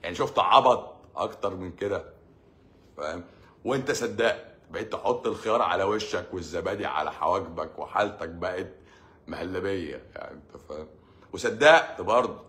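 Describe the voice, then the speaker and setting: A man's voice: sits low, a little fast, a bit bright. An Egyptian man, a doctor, talking casually to his audience in a sarcastic, mocking advice-giving way. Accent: Egyptian Arabic. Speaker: doctor hosting his own channel. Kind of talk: casual monologue.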